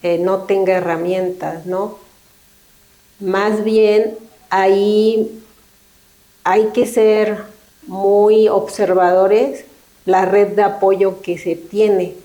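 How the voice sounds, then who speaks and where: A middle-aged woman speaks as a guest in a conversational interview. Her tone is soft and mellow, sitting at an ordinary middle pitch. She talks in a reflective, unhurried way and often pauses to check in with a quick tag question. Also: little pitch movement, poor audio. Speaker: thanatologist guest.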